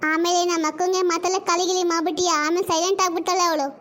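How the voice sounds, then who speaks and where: A woman's voice: extremely high pitch, flat delivery, very fast, fairly bright tone. Woman playing a sassy, teasing young sister.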